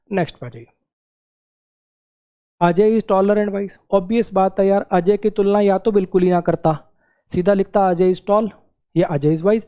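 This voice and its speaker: A man teaching English grammar to exam students, explaining step by step, repeating words slowly and asking the class questions. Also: sits high, dull audio.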